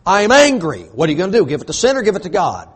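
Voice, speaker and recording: Male preacher, high voice, fervent sermon delivery that swells to shouting. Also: wildly swooping pitch, fast, breathy edge. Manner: emphatic, rising to shouts, repetitive preaching cadence.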